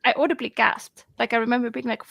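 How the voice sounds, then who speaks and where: A woman chatting excitedly on a video call, rambling with lots of fillers. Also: on the high side, fast talker, creaky, no room sound. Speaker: guest on a group video chat. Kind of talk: casual chat.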